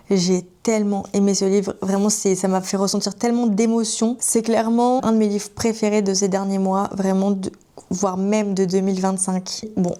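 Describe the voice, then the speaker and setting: A woman's voice: mid-range voice, warm tone. A young woman in her twenties from France, chatting enthusiastically and gushingly to camera about upcoming book adaptations. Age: 20s. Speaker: book vlogger. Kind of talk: casual chat to camera.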